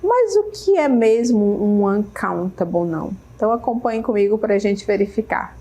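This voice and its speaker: A woman teacher with a Brazilian Portuguese accent explains English vocabulary slowly, repeating each word and checking in with "né?". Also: mid-range voice, animated, warm tone. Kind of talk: slow, careful classroom explanation. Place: state school media center studio.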